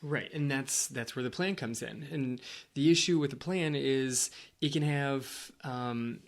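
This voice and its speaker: Man, podcast co-host, relaxed, repeats himself, casual chat, mid pitch. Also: a little slow. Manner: relaxed, repeats words, loose and conversational.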